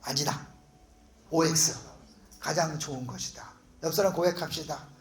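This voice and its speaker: A man's voice: on the high side, normal speed. A middle-aged male pastor preaching to a youth retreat, asking rhetorical questions and acting out people's prayers.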